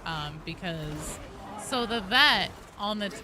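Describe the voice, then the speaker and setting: During a live stream, a female gamer talks informally over her gameplay, full of slang and frequent cursing. She speaks slowly and expressively in a medium pitch, with crowd noise audible behind her.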